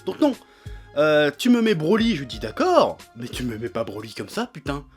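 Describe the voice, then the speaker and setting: A young man delivers an exasperated, foul-mouthed video rant in the manner of a raging gamer. His pitch leaps up and down with great animation as he complains. Music plays behind his voice. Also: wildly swooping pitch, moderate pace. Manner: raging gamer-style ranter, irate, sweary, exasperated. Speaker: anime episode reviewer. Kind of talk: ranting video commentary.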